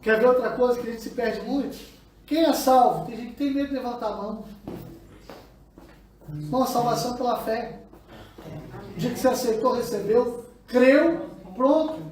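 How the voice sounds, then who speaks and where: A man's voice: very high-pitched, normal speed, pauses often, darkish tone, a little hiss or hum. A man preaching a sermon as pastor, pressing the congregation with call-and-response questions. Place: church hall with congregation. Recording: echoey church room, mic far off, congregation.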